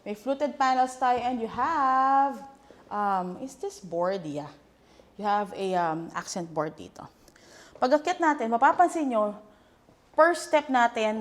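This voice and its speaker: Chatty Filipino woman touring a house. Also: on the high side. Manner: chatty, enthusiastic, mixes English and Tagalog. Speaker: real estate agent giving a house tour. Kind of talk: casual walkthrough tour.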